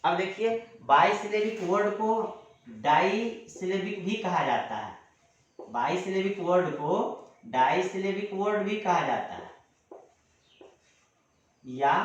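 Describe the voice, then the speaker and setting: A man with a slightly high voice teaches grammar in a patient lecture in his terms. He repeats each definition and stretches out example words. The sound is very echoey and dull, like a lo-fi recording in a bare room. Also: expressive, takes it slowly, long pauses. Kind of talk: classroom lecture.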